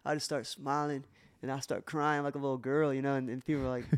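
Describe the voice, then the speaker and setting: His delivery is flat and quick, his mid-range voice smooth, as this co-host of a casual faith podcast recounts his faith earnestly and emotionally, restarting often.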